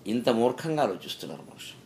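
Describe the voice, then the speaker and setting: A man's voice: mid-range voice, very animated, fast talker, mellow, slight background noise. A middle-aged man giving a spiritual discourse, telling stories and asking rhetorical questions with emphatic rises. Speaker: spiritual speaker.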